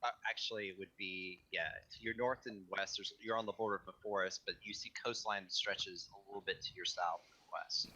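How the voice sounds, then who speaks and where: A man acting as game master, narrating a tabletop game in halting, deliberate descriptions. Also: low voice, fairly even intonation, pushed and bright, husky. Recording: faint background noise, mouse clicks.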